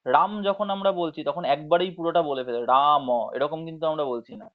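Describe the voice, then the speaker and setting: A man teaching an online class to school students, explaining slowly, checking in with frequent tag questions and drawing words out syllable by syllable, on dull lo-fi audio. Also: fairly high pitch. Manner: drawls words out syllable by syllable when demonstrating.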